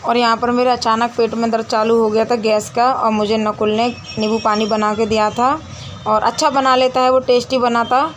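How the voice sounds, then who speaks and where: A woman's voice: on the high side, level tone, moderate pace, slight background noise. A woman vlogging casually at home, teasing a little child in a playful, chatty way, with an Agra Hindi accent. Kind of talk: casual home vlog chat.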